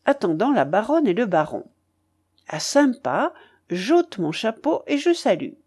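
A woman narrating a literary audiobook in a measured, expressive storytelling manner. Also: mid-range voice.

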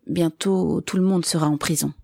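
Woman reader voicing an old bearded man: hoarse, placid, slow and blunt, for a storybook. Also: on the low side, fairly even intonation, warm tone, dry recording, studio quality. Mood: calm gruff.

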